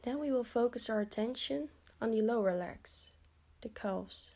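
Woman, relaxation guide; unhurried, mellow, soothing delivery. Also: fairly high pitch. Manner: slow, soothing, instructional. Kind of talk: guided progressive muscle relaxation.

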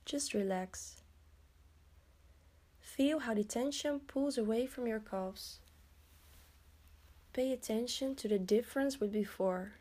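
A woman guiding a progressive muscle relaxation exercise in a slow, soothing, instructional way. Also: a little high, warm tone. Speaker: relaxation guide.

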